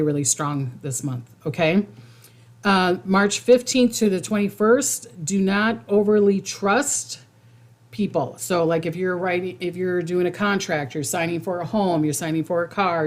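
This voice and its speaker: A woman's voice: on the low side, a little mellow. A woman host talking casually to her viewers, informal and rambling, repeating phrases for emphasis. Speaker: psychic host giving monthly predictions. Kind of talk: casual livestream talk to viewers.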